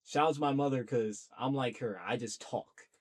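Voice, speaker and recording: At a normal speed and medium pitch, a young man speaks to camera at length about starting a podcast. He's a podcast host giving a casual solo monologue, loose and chatty, earnest, talkative, and self-motivating.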